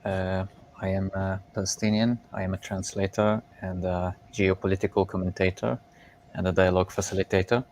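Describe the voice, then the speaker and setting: A man who works as a translator and commentator, introducing himself slowly and in a monotone. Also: low-pitched, a little hiss or hum.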